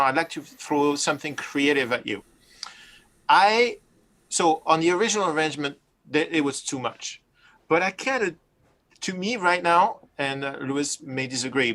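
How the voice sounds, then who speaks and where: A man's voice: fairly high pitch, fairly bright tone. A man talking casually as a producer in a studio session, explaining his ideas in a hesitant, circling way. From Brooklyn. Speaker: music producer directing a session. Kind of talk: casual collaborative studio talk.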